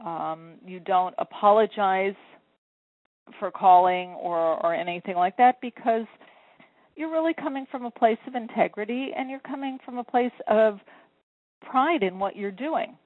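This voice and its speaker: A woman's voice: mid-range voice, a little slow, dry recording. Woman coach on a tinny phone line. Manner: earnest, encouraging, explains step by step. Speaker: sales coach and author. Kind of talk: phone interview. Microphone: telephone.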